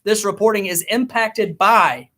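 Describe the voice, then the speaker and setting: A man's voice: sits high, a little slow, pushed and bright. A man hosting a live school trivia game, reading out questions and answers with an upbeat announcing manner. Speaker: trivia host.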